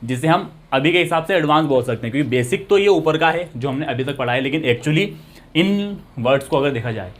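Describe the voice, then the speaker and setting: A man's voice: on the high side, lively intonation, brisk. A man teaching English grammar, patiently explaining and asking and answering his own questions. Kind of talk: explanatory lesson.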